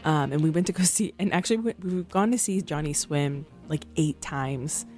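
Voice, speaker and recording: A woman's voice: sits low, moderate pace, a little mellow, faint music behind. A young woman from San Francisco hosting a radio show, talking casually and rambling between songs with many ums and likes.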